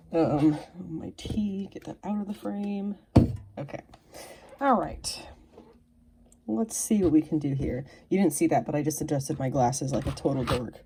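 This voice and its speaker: A woman's voice: low-pitched, unhurried, pauses often, background noise. A woman reviewing and unboxing a collectible figure in casual, self-deprecating chat, drifting into whispers while she fiddles with it. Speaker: toy reviewer.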